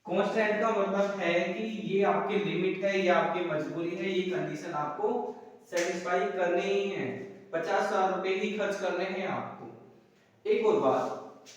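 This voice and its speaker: A man teaches economics in a lecture, asking questions and then answering them himself, repeating the key terms. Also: high voice. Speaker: economics tutor. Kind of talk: whiteboard lecture. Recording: echoey room, distant mic.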